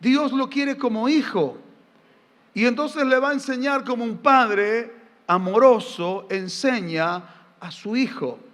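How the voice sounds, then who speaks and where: A middle-aged Argentine pastor preaching with a high, ringing voice. He fires rhetorical questions at the congregation and mixes in folksy, humorous family stories. The sound carries the long reverb of a church hall. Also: takes it slowly, a bit bright. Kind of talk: sermon. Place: church sanctuary during a live service.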